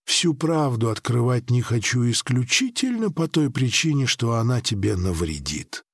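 A man voicing an old, powerful foreign dream-weaver who speaks in a measured, persuasive, faintly ironic way. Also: mid-range voice, very animated, husky, dry recording, clean studio sound.

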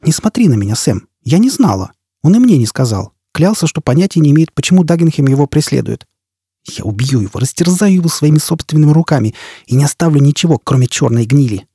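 A man voicing a fierce, furious young woman in an audiobook, raging and shouting. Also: fairly high pitch, very animated, fast talker, slightly rough, no room sound, studio quality, full character voice.

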